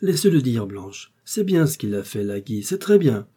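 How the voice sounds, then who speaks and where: A man voicing a lively old countess. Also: mid-range voice, normal speed, husky. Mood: teasing. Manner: exclamatory, teasing. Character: elderly countess, lively, outspoken dowager.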